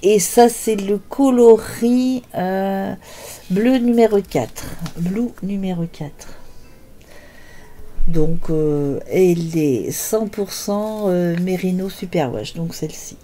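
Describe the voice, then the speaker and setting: A woman's voice: medium pitch, lively intonation, takes it slowly, dark tone, a little hiss or hum. An older woman hosting a knitting podcast, chatting casually and hesitantly with lots of filler sounds as she shows her work. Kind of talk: casual show-and-tell chat.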